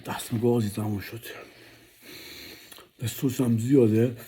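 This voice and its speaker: This food vlogger speaks in a mid-range, mellow voice with fairly even intonation, a little hiss or hum in the audio. He's hyped and playful, addressing viewers directly and sometimes whispering over his food.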